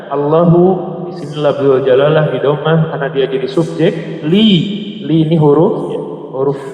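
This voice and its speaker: A man teaches Arabic grammar to a mosque congregation, in a slightly high voice. He quizzes his listeners and draws out words slowly so they can repeat them. His voice rings through a very echoey hall with a long reverb tail. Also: a little mellow. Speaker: Islamic teacher. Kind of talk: classroom Arabic grammar lesson.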